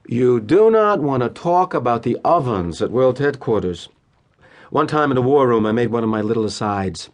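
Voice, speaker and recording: In an audio drama monologue, a male actor with an American accent plays a cynical, polished corporate executive in middle age, speaking wryly and deliberately with emphatic pauses. His mid-range voice is animated yet natural, and the mood is wry and confiding, delivered as a theatrical first-person dramatic monologue.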